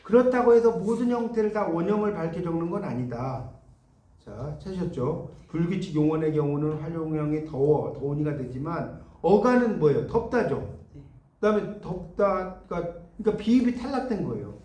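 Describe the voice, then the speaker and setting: A man's voice: fairly high pitch, animated, normal speed, dark tone, recorded from a distance. Man lecturing in an echoey room. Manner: explanatory, asks students rhetorical questions. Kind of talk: recorded lecture on Korean spelling.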